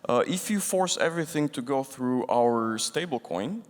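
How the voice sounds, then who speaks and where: A man's voice: medium pitch, expressive, moderate pace. A man from Bulgaria speaking on a conference panel, thoughtful, often restarting his sentences. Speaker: panelist, fintech executive. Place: large conference hall. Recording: long reverb of a conference hall.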